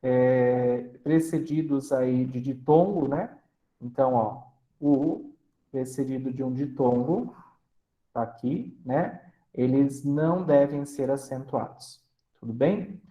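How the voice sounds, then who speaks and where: A man teaching a grammar lesson, explaining slowly and splitting words into syllables, often checking in with the class. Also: medium pitch, mellow, echoey room. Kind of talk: grammar lecture.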